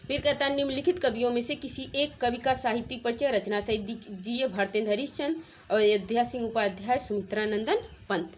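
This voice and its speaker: A woman teacher explains exam questions step by step, speaking straight to her students. Her voice sits a little high. A faint background noise runs under the recording. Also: brisk. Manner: explains answers step by step, addresses students directly. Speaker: Hindi teacher. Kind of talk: exam-prep lesson walking through a model paper.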